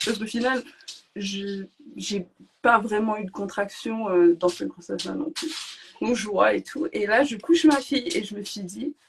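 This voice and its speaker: A woman guest on a podcast, telling her own story in a lively, emotional way and often laughing between phrases. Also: fairly high pitch, creaky, slight background noise. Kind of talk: personal storytelling.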